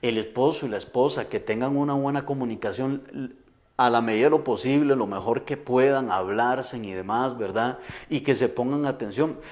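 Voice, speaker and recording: A man's voice: medium pitch, normal speed, darkish tone. A middle-aged man, a pastor preaching a sermon in an earnest, conversational way with frequent restarts.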